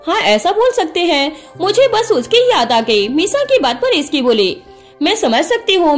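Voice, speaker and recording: A woman narrating a scripted romance story, voicing each character's lines with expressive shifts in tone. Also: very high voice.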